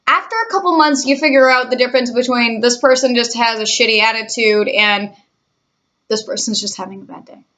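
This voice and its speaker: A woman's voice: a little high, a little fast, a bit bright. A woman in her twenties who works in a call centre, chatting candidly with a sarcastic, cynical edge. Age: 20s. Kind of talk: casual vlog chat.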